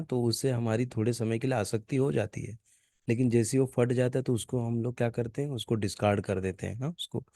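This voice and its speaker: Mellow-voiced man teaching scripture. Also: medium pitch, dry recording, studio quality. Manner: explains in a casual conversational way, then chants verses slowly and carefully; fillers like "na" and "hmm" at the ends of sentences. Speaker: reading group leader. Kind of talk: Gita reading class over Zoom. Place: home video call. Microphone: video call mic.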